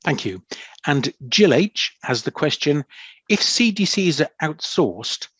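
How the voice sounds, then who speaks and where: A man's voice: fairly high pitch, big pitch swings, a bit bright, no echo. A man moderating a panel debate over a video call, politely reading out audience questions and inviting panelists. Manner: polite, measured, reads questions out. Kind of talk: chairing a panel Q&A. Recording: dull, dry lo-fi call audio.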